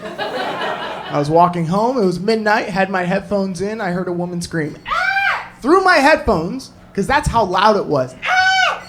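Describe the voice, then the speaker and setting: Animated male stand-up comic. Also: high voice, normal speed, background noise. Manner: animated, building to shouted punchlines. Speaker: stand-up comedian. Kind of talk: stand-up storytelling.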